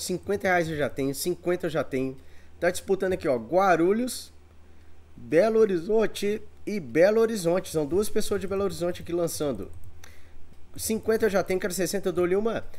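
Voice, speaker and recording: A man's voice: fairly high pitch, darkish tone. A man with a Brazilian accent working as an auctioneer, calling a live online auction in repetitive patter of bids and counts. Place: indoor room full of antiques.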